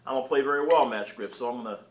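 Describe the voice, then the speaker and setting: A man's voice: mid-range voice, rapid-fire, loud music behind the voice. Chatty male drum teacher, roomy. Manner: relaxed, chatty, scatting drum patterns aloud. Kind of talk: casual video lesson. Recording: roomy with drumming behind. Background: drumming.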